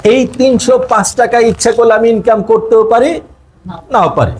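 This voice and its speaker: High-voiced Bangladeshi man teaching a seminar. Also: normal speed, slight background noise. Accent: Bangladeshi Bengali. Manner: quizzes the audience, repeats his points, mixes in English phrases. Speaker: direct-selling business trainer. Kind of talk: live seminar talk to an audience.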